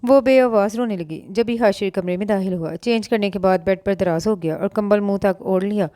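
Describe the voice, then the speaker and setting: A woman narrating a romance novel aloud with steady storytelling. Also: mid-range voice, no room sound, clean studio sound.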